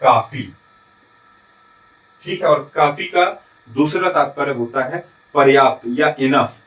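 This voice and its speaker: A man from Chhattisgarh delivers a recorded classroom lesson in a Chhattisgarhi Hindi accent, his slightly high, a bit bright voice moving at a measured pace. He explains each step, asks questions and supplies the answers, and frequently checks with tags that students understand. Audio is poor, with an echoey room.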